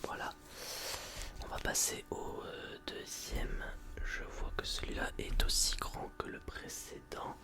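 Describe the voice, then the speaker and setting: A person in a whispered role-play, playing a polite, attentive librarian in a soft library whisper, explaining things with some hesitation. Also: slow. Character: polite, attentive, gently chiding public librarian serving a borrower. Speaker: ASMR performer playing a librarian.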